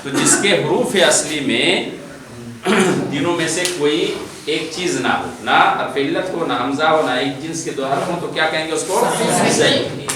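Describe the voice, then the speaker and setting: A man's voice: on the high side, animated. A man teaching a grammar class to students with an Indian Urdu accent. He asks questions and answers them himself, repeating terms over and over. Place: large classroom hall with students. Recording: very echoey hall, distant mic, crowd noise.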